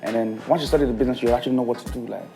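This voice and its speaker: Amid background noise, a guest musician in his thirties, raised in England and touched by speech, races through a casual chat. His mid-range voice is steady and gravelly, and he often laughs and mimics others.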